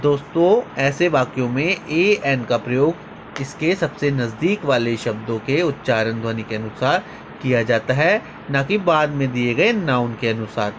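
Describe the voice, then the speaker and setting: Slow, measured male grammar teacher. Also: mid-range voice, animated, slight background noise, poor audio. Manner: addresses viewers as children, reads examples slowly. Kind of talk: slow spoken grammar lesson.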